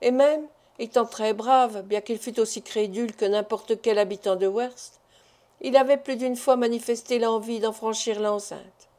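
A woman narrating a classic novel as an audiobook, in a measured, expressive reading. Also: on the high side.

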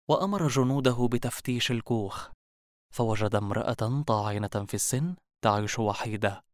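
A man reading a novel aloud as a steady audiobook narrator. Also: medium pitch, clear, resonant tone, no room sound, clean studio sound. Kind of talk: scripted narration.

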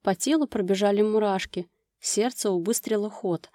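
A woman narrating a romance novel as an audiobook, with smooth, expressive storytelling. Her voice is dark and mellow, at an ordinary pitch for a woman. The recording is dry and close, with no room sound. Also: moderate pace, dry recording.

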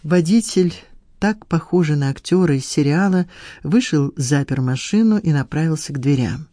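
An audiobook narrator giving a scripted, even storytelling read of a novel. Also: medium pitch, moderate pace, no room sound, clean studio sound.

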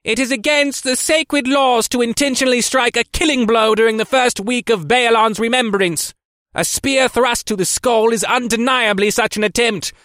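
A man booming as a stern gargoyle leader with a metallic voice. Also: fairly bright tone, no room sound, studio quality. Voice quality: metallic boom.

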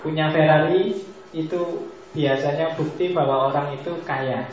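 Lecturing on philosophy, a man with a slightly high voice keeps a steady tone and measured pace while joking around, wandering into asides, and slipping in bits of Javanese. The recording was made in a large mosque hall full of long echo and sounds dull and lo-fi.

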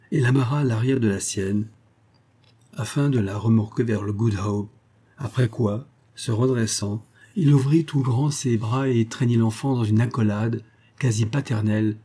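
Man, audiobook narration, measured storytelling, husky voice. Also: medium pitch, warm tone.

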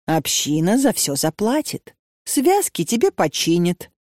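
A woman's voice: fairly low pitch, very animated, unhurried, dry recording, studio quality. A woman voicing a coaxing old matchmaker woman. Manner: gentle coaxing, patient. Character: old village matchmaker woman, calm, persuasive.

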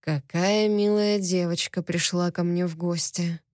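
Brief: woman doing a dangerous, mocking male captive for an audio novel; low, slow and threatening, dry close sound. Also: dry recording, natural voice. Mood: teasing. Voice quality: deep low voice. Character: menacing powerful male alien captive, mocking.

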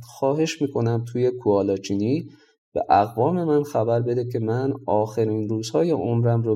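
A man's voice: medium pitch, warm tone. A man voicing a proud male river monster that shifts its shape, boastful in a fight and pleading near its end.

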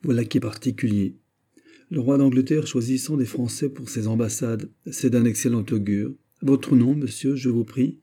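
Un homme qui lit à voix haute et joue un vieux cardinal rusé au ton bref et querelleur. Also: male voice, medium pitch, moderate pace, mellow, pitched above the performer's own voice, close to an everyday voice. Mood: sec. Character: vieux cardinal ministre, rusé, irritable, ironique.

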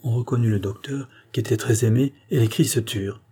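Male audiobook narrator, mellow and slightly husky, measured delivery. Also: medium pitch. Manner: measured, unhurried reading with raised acted dialogue. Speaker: audiobook reader. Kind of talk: scripted narration.

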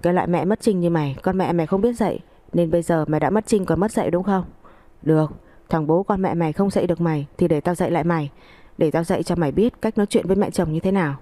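A woman's voice: lowish voice, quick pace, warm tone, dry recording, close to an everyday voice. A woman voicing a foul-mouthed, spiteful older village mother-in-law who belittles everyone in coarse tirades. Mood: abusive scolding.

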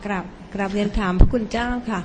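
A woman's voice: medium pitch, steady tone, fast talker, noisy background. A laywoman politely asking a monk a question, hesitant with many fillers. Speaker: lay questioner.

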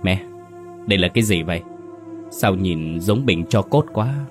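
A man voicing a frightened teenage girl who turns grieving and defiant in a ghost story reading, shrill and tearful. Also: expressive, measured pace, music in the background.

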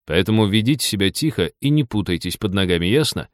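A man doing a gruff weary forest ranger. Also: fairly low pitch, lively intonation, quick pace, no echo, clean studio sound, close to an everyday voice. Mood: grumbling. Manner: grumbling, stern, matter-of-fact.

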